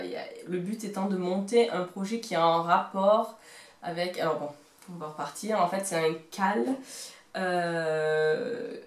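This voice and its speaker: A woman in her thirties with a Marseille accent chatting casually about her knitting, rambling and hesitant, with self-mocking humor. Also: on the low side. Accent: Marseille French. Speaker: knitting vlogger. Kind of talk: casual show-and-tell chat. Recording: roomy echo.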